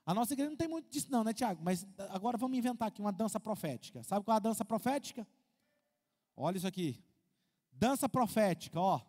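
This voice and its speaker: A Brazilian pastor with a strikingly high voice preaches a lively sermon, firing questions at his congregation and acting out what people say. His words ring out with the long reverb of a large church hall. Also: quick pace. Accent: Brazilian Portuguese. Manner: lively, asks the congregation questions, acts out quotes. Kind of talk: animated sermon.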